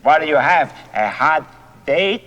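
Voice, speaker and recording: A man's voice: on the high side, expressive, unhurried, fairly bright tone, dull audio. An actor playing a wisecracking, cocky young man in a romantic comedy, speaking in a wry, sardonic way. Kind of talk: film dialogue.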